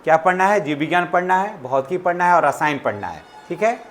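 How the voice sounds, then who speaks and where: Man listing exam topics, fairly high voice. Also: expressive, faint music behind. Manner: lists topics in rapid repetitive instructions. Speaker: channel host. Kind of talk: exam syllabus explainer.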